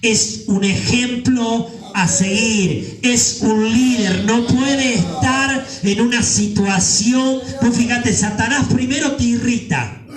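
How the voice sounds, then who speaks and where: A man preaching a sermon as pastor, fervent, with rhetorical questions and bursts of shouting. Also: extremely high pitch, slow pace, echoey room, a crowd in the background, poor audio.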